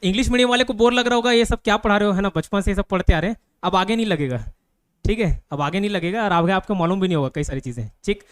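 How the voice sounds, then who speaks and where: High-voiced male teacher quizzing students. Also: clear, resonant tone, no room sound. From India. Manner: keeps checking understanding with quick questions to students. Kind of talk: classroom grammar lecture. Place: classroom with students.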